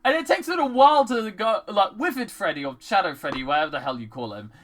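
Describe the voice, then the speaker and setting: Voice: medium pitch, animated, quick pace. A movie reviewer in a casual vlog, ranting in an exasperated way, swearing often and filling speech with "like". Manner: many "like" fillers.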